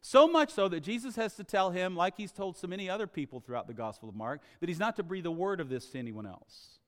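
Storytelling pastor, man, higher voice, emphatic swells, long church reverb. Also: lively intonation, fast. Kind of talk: sermon. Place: church sanctuary.

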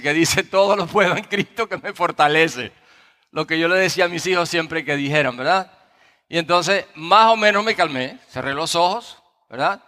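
A pastor delivering a sermon, telling a personal story with frequent tag questions before reading scripture. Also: male voice, fairly high pitch, sharp tone. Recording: long reverb of a large hall.

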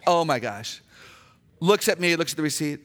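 With an expressive delivery at a moderate pace, a guest speaker in a church preaches a sermon built around personal stories. She is a middle-aged woman with a naturally low voice, chatty, humorous, and earnest.

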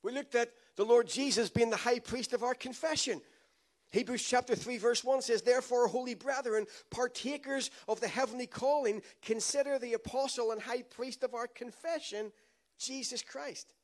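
A man's voice: extremely high pitch, normal speed. A man preaching a sermon with emphatic, repetitive phrasing and calls to the congregation. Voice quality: emphatic preaching with repeated phrases and call-and-response. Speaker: pastor.

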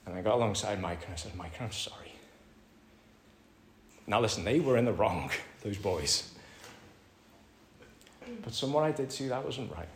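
A man's voice: fairly low pitch, animated, moderate pace, long pauses, slight background noise. Roomy British male preacher. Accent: British English. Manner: conversational preaching, calls the congregation "folks"; swings between loud emphatic lines and soft quiet ones. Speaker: pastor. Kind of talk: sermon. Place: church hall. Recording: roomy church hall with faint ambience.

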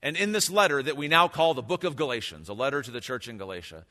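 Male pastor at a pulpit microphone, reflective conversational sermon, bright tone, reverberant church. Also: mid-range voice, animated, fast. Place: church sanctuary. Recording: long church hall reverb.

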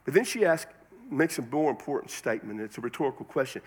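A pastor from Texas with a Texan accent, preaching a sermon in a folksy, conversational way with plenty of colloquial phrasing. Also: male voice, medium pitch, expressive, fast, breathy edge.

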